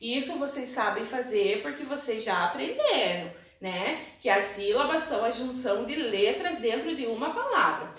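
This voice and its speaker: A woman's voice: a little high, lively intonation, fairly bright tone. A Brazilian woman teaching a recorded video lesson to young children, explaining patiently and drawing out syllables, checking in with "tá?" and "né?". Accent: Brazilian Portuguese. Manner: patient, explains slowly, syllables drawn out, frequent "tá?" and "né?". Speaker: primary school teacher. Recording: very echoey room.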